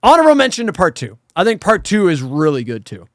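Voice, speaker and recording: Guy podcaster chatting films, swears a lot, really lively pitch, dry recording. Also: quick pace, dry recording. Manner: animated, sweary retelling with acted-out quotes. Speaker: podcast co-host. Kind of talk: casual film discussion.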